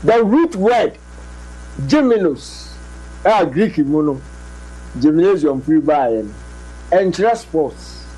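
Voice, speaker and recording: A man with a Ghanaian accent who explains word roots slowly in casual conversation. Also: a little high, sing-song, dark tone, husky, low-quality recording. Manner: slow, explanatory. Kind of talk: explaining in casual Twi chat.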